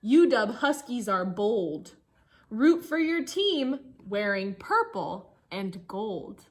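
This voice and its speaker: A woman teacher reads a rhyming picture book to children in a singsong style, her mid-range voice swinging widely in pitch. She stops now and then for short asides that draw her listeners in.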